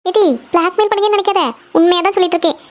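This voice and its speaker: A woman's voice: very high-pitched, fairly even intonation, rapid-fire, highs cut off. A woman voicing a strict middle-aged mother, scolding and lecturing her daughter.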